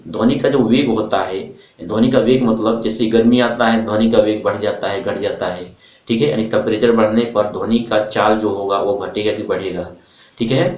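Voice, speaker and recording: A man with a fairly low, darkish voice teaches a class in a classroom with a board, repeatedly asking students questions and echoing their answers. The lecture is recorded from far off in a roomy space.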